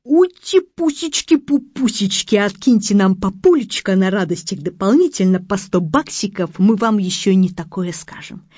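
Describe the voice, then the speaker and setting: A woman voicing wheedling midwives who coo and flatter a new father. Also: mid-range voice, moderate pace, few pauses, slightly rough, no echo, muffled recording. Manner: cooing and flattering. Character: wheedling women, midwives after a tip.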